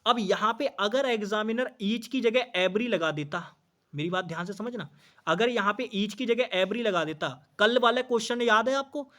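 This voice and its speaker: A man's voice: high voice, normal speed, bright, forceful tone. A man teaching an exam-prep English grammar lesson. He asks questions, answers them himself, repeats key points and calls the students brother.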